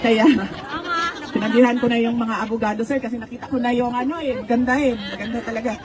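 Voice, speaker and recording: A woman's voice: on the high side, fairly even intonation, fast talker, crowd noise, background noise. A middle-aged woman with a Filipino accent, telling family stories in a conversational way, switching between Tagalog and English and laughing often. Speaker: speaker recounting family stories. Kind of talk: conversational storytelling.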